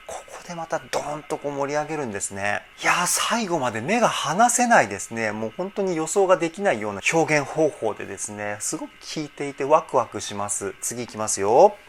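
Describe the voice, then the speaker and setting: A male vocal trainer with a voice on the high side gives effusive reaction commentary on a song, breaking into exclamations between short analytic remarks. There is background noise, and the song plays faintly behind him.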